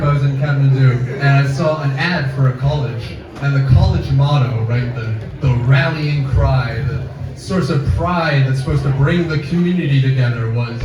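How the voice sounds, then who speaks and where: Young man doing deadpan stand-up. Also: a little high. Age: young adult. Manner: deadpan, self-deprecating delivery. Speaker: student stand-up comedian. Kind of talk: stand-up comedy set. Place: campus coffee house stage. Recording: echoey room, mic from far off. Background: audience laughter.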